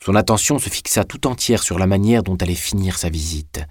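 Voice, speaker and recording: Low voiced guy reading a novel aloud, calm even pace, dry sound. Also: brisk, no echo. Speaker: audiobook reader. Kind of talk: scripted audiobook narration.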